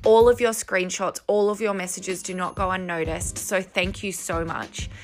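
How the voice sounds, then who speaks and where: A podcast host and coach, this woman addresses listeners of her solo show earnestly and encouragingly from a room at home, her headphones acting as the microphone. Her voice is fairly low and steady at a normal speed, with soft music playing underneath.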